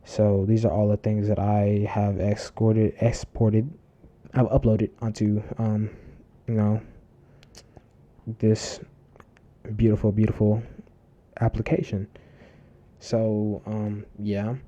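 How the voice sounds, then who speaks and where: A man's voice: fairly low pitch, monotone, takes it slowly, pauses often, mellow, highs cut off. A man casually talking through a screen-recorded tutorial, rambling with many fillers and restarts, breathing close into his desk microphone. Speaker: tutorial host. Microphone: desk mic close to mouth, heavy breathing.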